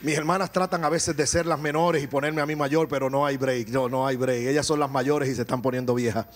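A Puerto Rican man preaching a sermon, animated, swelling to shouts and dropping into joking asides. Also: medium pitch, brisk. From Puerto Rico.

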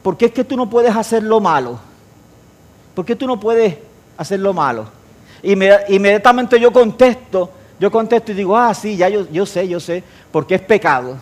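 A middle-aged man preaching a sermon, joking with the congregation and moving between loud and quiet delivery. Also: high-pitched, expressive, moderate pace. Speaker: pastor.

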